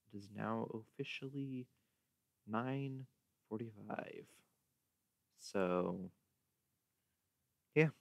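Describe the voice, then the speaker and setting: A man's voice: on the low side, gravelly, no echo. A young man hosting a casual livestream, rambling and correcting himself as he works on a graph. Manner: rambling, self-correcting, with fillers and soft laughs. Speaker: livestream host.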